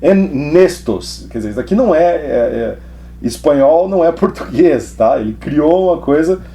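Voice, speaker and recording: A man casually talking about a novel to camera as a book reviewer, meandering and restarting sentences with drawn-out fillers. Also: a little high, animated, creaky, dark tone. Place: indoor studio set with camera crew.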